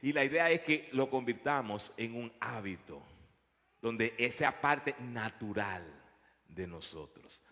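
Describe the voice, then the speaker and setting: A man preaching a sermon, telling a story with animated delivery and frequent repetitions. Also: mid-range voice, slow pace, big-room sound. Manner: storytelling, animated, repeats words. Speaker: pastor. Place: church.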